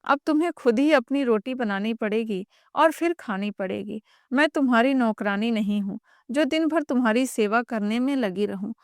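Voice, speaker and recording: A woman's voice: a little high, moderate pace, dry recording, studio quality, close to an everyday voice. A woman voicing an overworked young wife who speaks out in an indignant, raised voice.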